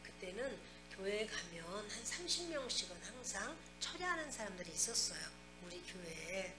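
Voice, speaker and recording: A woman's voice: medium pitch, moderate pace. Korean woman pastor preaching over music. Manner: addresses the congregation directly, with lively asides. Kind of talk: sermon. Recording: echoey church hall with music behind.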